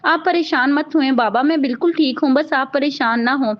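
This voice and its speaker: Woman voicing a gentle young bride. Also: high voice, normal speed, lightly acted. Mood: soft. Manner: soft, polite. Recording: dull lo-fi audio.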